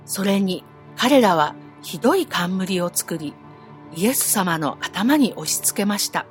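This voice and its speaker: A woman telling a Bible story to children, gentle and friendly, asking her young listeners questions along the way. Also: medium pitch, expressive, measured pace, soft background music.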